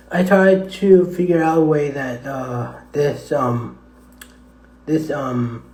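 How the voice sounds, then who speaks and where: On a tablet mic inside a tunnel, a man with a slightly high, somewhat mellow voice rambles through a live stream chat, halting often and leaning on fillers. His fairly even intonation echoes off the walls, with a bit of background noise in the mix.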